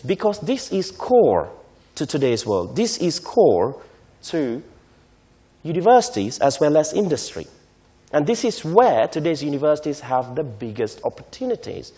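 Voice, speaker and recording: Mellow-voiced man. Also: fairly high pitch. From Sri Lanka. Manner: measured, explanatory, often checks in with "right?". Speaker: invited speaker on technology transfer. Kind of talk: lecture to a conference audience.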